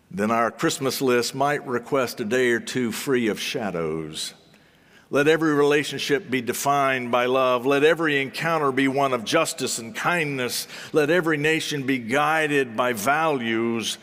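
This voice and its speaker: A man preaching a sermon in deliberate, solemn phrases, with rhetorical repetition and dramatic pauses. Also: mid-range voice, fairly bright tone. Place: large reverberant hall or sanctuary. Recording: long hall reverberation.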